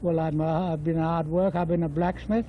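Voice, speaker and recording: Old aussie guy in his 90s, high voice, rambles and repeats himself telling stories, muffled old tape. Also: flat delivery, a little fast, a little hiss or hum. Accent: Australian. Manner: old man's rambling, repetitive storytelling. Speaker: interviewee, former bush labourer. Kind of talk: casual oral history reminiscence. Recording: dull lo-fi field interview tape.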